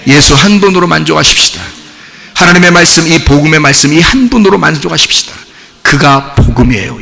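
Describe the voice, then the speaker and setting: Animated pastor preaching in a reverberant hall. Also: male voice, on the high side, vocal fry. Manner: emphatic, animated preaching with repeated exhortations. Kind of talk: sermon. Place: church sanctuary.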